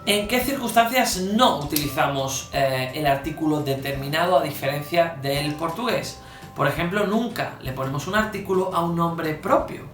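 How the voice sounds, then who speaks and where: A man teaching a grammar lesson, slowing down and stressing each example and checking in with "¿vale?". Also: fairly high pitch, a bit bright. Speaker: Spanish teacher. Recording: echoey room with faint music.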